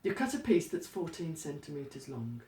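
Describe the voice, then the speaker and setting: A woman's voice: low-pitched, sing-song, moderate pace, warm tone. A woman giving step-by-step craft instructions in a plain, practical, instructive manner. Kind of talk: step-by-step how-to demonstration. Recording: roomy, echoey, distant microphone.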